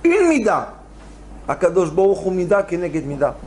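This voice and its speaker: A rabbi gives a Torah lesson in a lecture hall, his high voice expressive and moderately paced. He narrates stories, dramatizes pleading cries that rise in pitch and sprinkles in Hebrew, while a slight hiss or hum sits under the recording.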